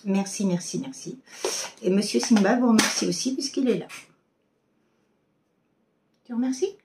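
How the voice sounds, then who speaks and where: Woman card reader, casual guidance for viewers, chatty and warm, average pitch, faint hiss behind. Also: fairly quick. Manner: chatty and affectionate, many fillers.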